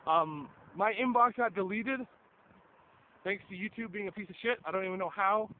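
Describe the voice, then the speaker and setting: A tired young adult man, voice sitting high and pace normal, rambles casually while his voice fades. As a vlogger on a windy suburban road, he holds his phone at arm's length and speaks into an earphone mic, full of fillers and casual swearing. The audio comes out tinny and phone-like, with wind noise.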